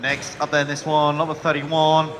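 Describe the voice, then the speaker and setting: A man's voice: fairly high pitch, completely flat delivery, normal speed, crowd noise, poor audio. A man working as an auctioneer at a live sale, calling and repeating bids in a chant.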